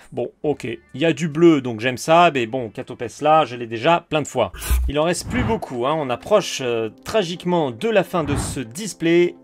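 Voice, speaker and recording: A man casually commenting as he opens card boosters one by one, excitable and chatty. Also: a little high. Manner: excitable, hyped, roll-calling card names. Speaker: card opening host.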